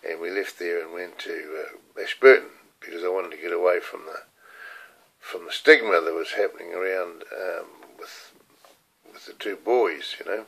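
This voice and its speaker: Rambling older New Zealand man, low-voiced. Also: fairly even intonation, normal speed, creaky, fairly bright tone, slightly rough, poor audio. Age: 70s. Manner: rambling, candid, swears casually. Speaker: video diarist. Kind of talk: personal video diary. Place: room at home.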